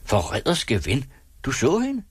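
A man's voice: low-pitched, breathy edge, no room sound, clean studio sound. A man doing Valmand, a swooning young suitor. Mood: jealous. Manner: rapturous, theatrical, jealous outbursts. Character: young lovestruck half-drunk male suitor.

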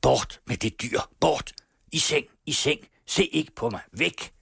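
A man voicing a furious, half-mad old baroness who scolds in shrill outbursts. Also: lively intonation, vocal fry, fairly bright tone, husky, dry recording, clean studio sound, exaggerated voice.

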